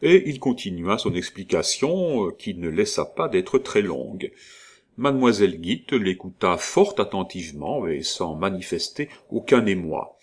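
A man's voice: low voice, expressive, unhurried, husky. A man narrating an audiobook, reading expressively with occasional hesitations.

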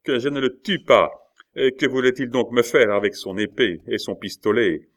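Brief: ruthless cocky swordsman in a storybook, deep and scornful, read by a man. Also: animated, measured pace. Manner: scornful commanding delivery.

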